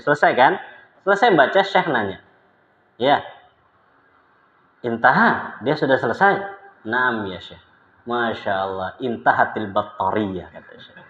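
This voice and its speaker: A man from Indonesia teaching Arabic, reading dialogue lines slowly and chatting quickly between them with a laugh. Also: medium pitch. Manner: reads Arabic dialogue slowly, then chats fast with laughter. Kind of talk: recorded Arabic lesson with anecdotes. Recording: roomy, echoey, dull lo-fi sound.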